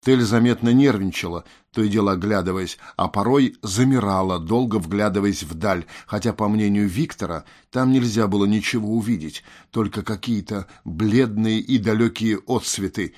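A man narrates a fantasy audiobook in a measured, slightly wry manner. His voice sits low. The reading is even and unhurried.

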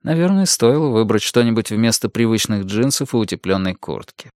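A man narrating a novel as an audiobook, in a measured, even storytelling delivery. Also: lowish voice, dry recording, clean studio sound. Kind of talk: scripted narration.

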